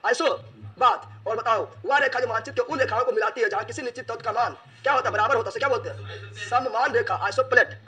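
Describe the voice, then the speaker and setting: A man's voice: extremely high pitch, sharp tone. A man teaching an exam-prep lesson, asking questions and answering them himself, repeating each answer as a drill.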